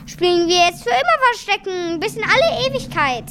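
A woman acts out a childish male god of the underworld in a children's audio drama. The voice is extremely high and swings animatedly, with bright edges. The manner is teasing, exclamatory and easily sulky, over faint background noise. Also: sing-song, brisk. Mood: gleeful, teasing.

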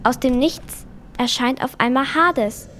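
A woman narrator telling a children's adventure story in a lively scripted style. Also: high-pitched, unhurried, a little hiss or hum. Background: music.

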